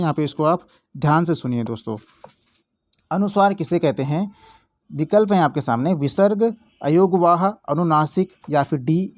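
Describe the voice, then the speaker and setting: Young male tutor, slightly high voice, repetitive explainer, dry close recording. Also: darkish tone, dry recording. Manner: repetitive, checks in often with "theek hai". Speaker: exam-prep teacher. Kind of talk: explaining quiz answers.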